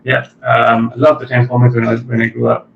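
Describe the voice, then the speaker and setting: With a mid-range, monotone, creaky voice, a Malaysian man talks fast while chatting informally as an interview guest. He is chief executive of an animation studio and has a Malaysian accent. The recording sounds muffled and lo-fi, with faint noise.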